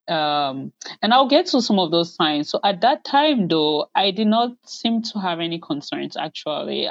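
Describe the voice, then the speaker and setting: Woman from Cameroon, very low voice, hesitant, dull dry recording. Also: dry recording. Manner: soft-spoken, hesitant with many ums. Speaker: guest parent advocate. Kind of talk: interview answers, personal story.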